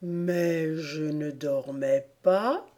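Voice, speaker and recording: A woman voicing a drowsy male dormouse with a slow, dreamy, half-asleep drawl in an audiobook. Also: low voice, warm tone. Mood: sleepy. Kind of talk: audiobook character voice.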